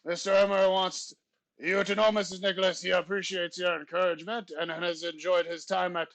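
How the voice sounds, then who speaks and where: A man's voice: high-pitched, flat delivery, a little fast, a bit bright, no room sound. A man teacher voicing a pompous French substitute teacher in a put-on, exaggerated French accent, reading class announcements in stiff, formal phrasing. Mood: theatrical. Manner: formal, stilted phrasing with theatrical flourishes. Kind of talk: comic class announcements in character.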